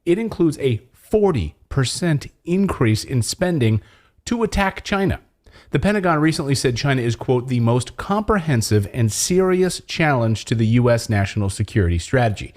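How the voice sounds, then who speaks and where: A man's voice: medium pitch, big pitch swings, moderate pace, darkish tone. A man hosting opinionated political commentary, speaking in a conspiratorial, distrustful way with sarcastic, mocking asides. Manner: conspiratorial, alarmed distrust of officials and media. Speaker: host of a political commentary show. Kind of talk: opinionated news commentary to camera.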